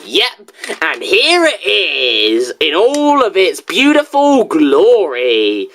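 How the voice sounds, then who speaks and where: A teenage video reviewer talking casually while reacting to a video, animated and jokey, sometimes dropping to a mumble. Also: medium pitch, slow pace.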